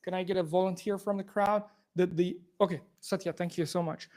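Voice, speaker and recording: A man from Afghanistan, a software engineer, giving an informal live tech demo to a room audience on a handheld microphone, talking fast with many restarts. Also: high-pitched, steady tone. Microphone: handheld or clip microphone.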